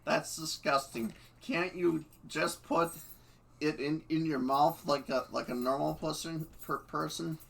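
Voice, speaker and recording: Give me a disgusted bat woman read by a man, slow, gravelly and stumbling. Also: fairly high pitch, heavily acted. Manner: stuttering, flat reading. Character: disgusted female bat partygoer.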